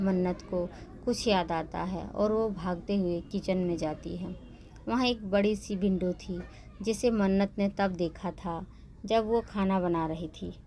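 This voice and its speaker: A woman reading a romance story aloud with steady, even storytelling. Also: mid-range voice, a little hiss or hum. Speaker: narrator. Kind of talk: scripted narration of a romance story.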